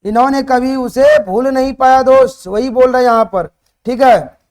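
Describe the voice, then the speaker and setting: A man explaining a story chapter to students for their board exams. He retells it in lively bits, acts out the characters' shouts and keeps asking his students questions. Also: extremely high pitch, normal speed. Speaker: teacher.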